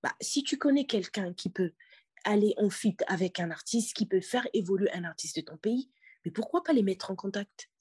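A woman's voice: mid-range voice, expressive, normal speed, a little mellow, breathy edge, no echo, clean studio sound. A woman in her thirties from the Republic of the Congo, a singer speaking earnestly as a podcast guest, often repeating words. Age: 30s. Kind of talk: casual interview talk.

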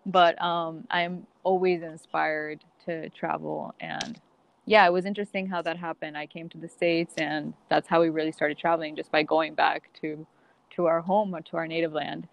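Soft-voiced young woman from Colombia. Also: sits low, moderate pace, creaky, dull audio. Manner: relaxed, laughs easily, many fillers. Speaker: guest. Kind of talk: casual interview.

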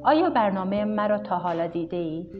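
A woman narrator voicing a famous male television interviewer, speaking in lively, questioning quoted lines, over music on a dull recording. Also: mid-range voice, close to an everyday voice. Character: famous male TV interviewer, cautious then bold.

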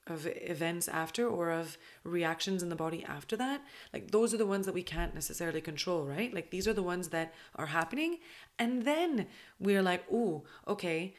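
A woman hosting a podcast, explaining in a casual, rambling way with many fillers and restarts. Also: lowish voice. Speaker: podcast host.

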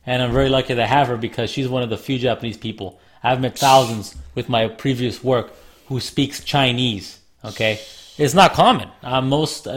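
A man co-hosting a relaxed chat show, his voice a little hoarse and rough from a lingering sore throat. He talks in loose, rambling stretches and often restarts his sentences. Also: medium pitch. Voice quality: slightly rough, smoker-like. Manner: rambling, self-correcting. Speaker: podcast co-host. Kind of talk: casual chat.

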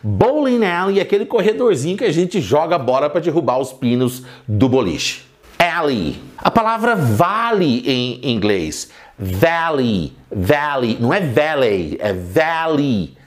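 Um homem, professor de inglês nativo de português, dando uma aula de pronúncia num podcast e repetindo cada palavra devagar e com clareza. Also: male voice, a little high, big pitch swings. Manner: clear, drawn-out model pronunciations. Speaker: English teacher. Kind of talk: podcast pronunciation lesson.

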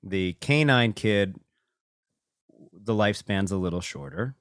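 Male host, low voice that swings widely, dry close sound, thoughtful and hedging over a video call. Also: animated, unhurried, no echo. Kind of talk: casual video call chat.

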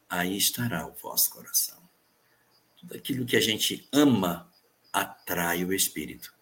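A man answering viewer questions in a calm, measured explanatory talk, repeating key phrases for emphasis. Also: lowish voice. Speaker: spiritist guest answering questions.

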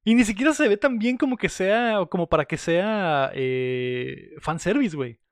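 A Mexican man retells a film scene by scene in a loose, slang-heavy ramble. His voice sits fairly high. The sound is dry and close, with no room around it. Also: expressive, normal speed, clean tone, no echo. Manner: rambling storyteller, fills lines with slang. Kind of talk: casual movie recap chat.

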